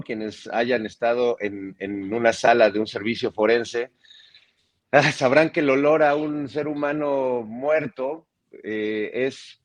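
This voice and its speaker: A man, a guest on a political panel, talking through extended metaphors and stopping to restart his words. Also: mid-range voice. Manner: reflective, talks in metaphors, many restarts.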